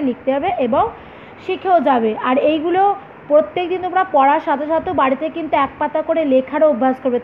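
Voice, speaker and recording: A woman's voice: sits high, narrow, tinny audio, a little hiss or hum. A woman teaching a primary school spelling lesson, explaining step by step and repeating questions for her pupils. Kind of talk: online Bengali spelling lesson.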